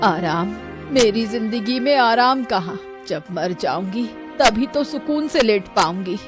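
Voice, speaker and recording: A woman's voice: mid-range voice, lively intonation, measured pace, close to an everyday voice. Nagging cartoon grandma of five girls, woman voicing her, dramatic, music under. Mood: scolding. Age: older.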